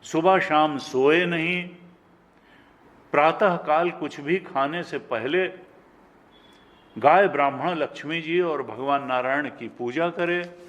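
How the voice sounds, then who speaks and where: Older indian swami w/ north indian hindi accent, tells scripture stories slow, voices the characters, long hall echo. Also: male voice, fairly bright tone, slight background noise. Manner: storytelling, acting out dialogue with rising pitch. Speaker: spiritual teacher.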